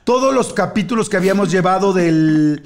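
Animated high-voiced Mexican man telling stories. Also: brisk. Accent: Mexican Spanish. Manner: animated, acts out family voices with shouts and laughter. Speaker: podcast host. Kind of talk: casual storytelling.

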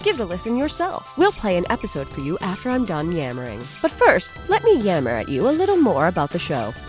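A woman introduces her podcast in a theatrical, quirky, comic style, playful and mock-dramatic. She speaks fast in a lowish voice with huge pitch swings, over a music bed.

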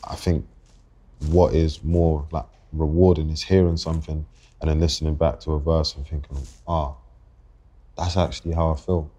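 A young rapper from London, in his 20s, talks as a podcast guest in a very deep, slightly rough voice that keeps an even pitch. He's reflective and halting, circling back and restarting sentences as he sorts out his meaning.

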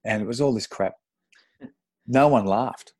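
Husky Australian bloke telling footy yarns. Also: male voice, mid-range voice, a little slow, no room sound. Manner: animated anecdote with swearing and self-deprecating laughs. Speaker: podcast guest, former footballer. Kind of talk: casual storytelling.

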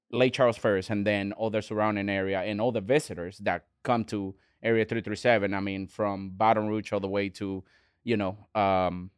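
A man, a restaurant owner talking as a guest in an earnest, halting way with many restarts. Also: fairly low pitch, no room sound, studio quality. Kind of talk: casual interview talk.

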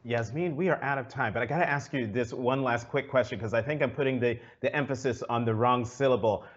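A man's voice: mid-range voice, fairly quick, lo-fi sound. A man hosting a news interview show, asking questions with frequent "uh" fillers. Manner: hesitant, many uh fillers.

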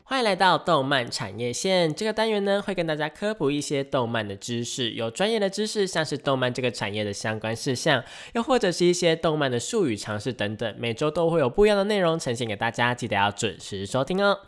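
A male podcast host talks casually and at length, often pausing to hesitate and correct himself. His pitch jumps around a lot, which gives the explanations an animated, conversational feel. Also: soft background music. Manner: chatty, rambling, frequent hesitations and self-corrections.

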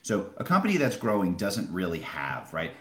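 A man with a very low voice talks as a financial analyst on a podcast. He explains in an emphatic, conversational way, often setting up a question and answering it, and the room adds noticeable echo. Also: huge pitch swings, normal speed. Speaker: Wall Street retail analyst. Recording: roomy, echoing sound.

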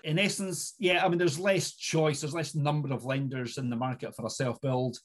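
Middle-aged man with a Scottish Highland accent. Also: fairly even intonation, normal speed. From Inverness, Scottish Highlands. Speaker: guest mortgage expert. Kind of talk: conversational expert interview.

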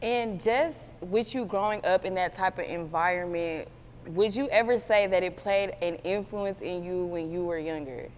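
A woman's voice: fairly low pitch, moderate pace, big-room sound, a little hiss or hum. A woman interviewing a guest, asking curious, conversational questions.

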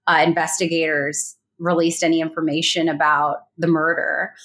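A woman's voice: low voice, level tone, normal speed, fairly bright tone. A woman recounting a real crime in a casual interview, hesitant with many fillers and restarts. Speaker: guest recounting a colleague's murder.

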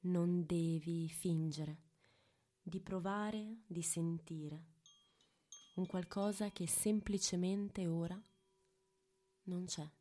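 A woman guides a meditation very slowly, speaking softly as if right in your ear. Her voice is mellow and on the low side. She leaves long pauses between short, intimate phrases. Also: steady tone. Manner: hushed, intimate, close to the ear. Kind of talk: guided meditation, slow and soothing.

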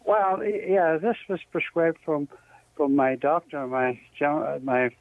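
Male caller on a phone line, slightly high voice, stop-start delivery with lots of uhs, thin lo-fi phone sound. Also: expressive. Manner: halting, with many uh pauses and restarts. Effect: heard over a phone line. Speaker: radio call-in caller. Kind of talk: call-in question to a radio show. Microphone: telephone handset held close to the mouth. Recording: tinny narrowband phone line, dry.

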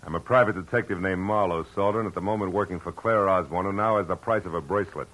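Philip Marlowe, deep and wry. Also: male voice, fast, a bit bright. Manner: wry, clipped, world-weary. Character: hard-boiled male private detective narrator. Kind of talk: 1940s radio drama narration and acting. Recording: old radio broadcast with music underneath.

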